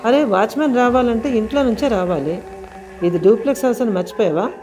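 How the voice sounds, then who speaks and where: A woman's voice: fairly high pitch, fast, music in the background, voice pushed up, lightly acted. A woman voicing an anxious young man who questions and presses his friends in an audio story. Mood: urgent. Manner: urgent, questioning.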